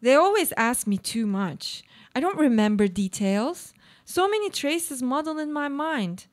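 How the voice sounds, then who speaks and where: An actress with a high, sing-song voice portrays an anguished, obsessive, haunted woman in a live radio play. She delivers a brooding monologue a little slowly, theatrical and turned inward.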